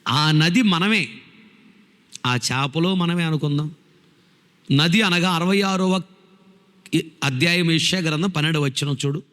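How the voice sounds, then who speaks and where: A man's voice: fairly high pitch, a little slow, long pauses, fairly bright tone, big-room sound. A male pastor preaching a sermon, emphatic, firing rhetorical questions at his congregation.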